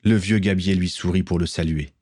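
A man narrating a story in a steady audiobook reading. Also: sits low, brisk.

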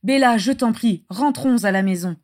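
A woman's voice: moderate pace, lightly acted. A woman reading a story aloud, voicing a young male wizard who begs his cousin to come away. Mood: pleading. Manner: pleading, pitched up and loud.

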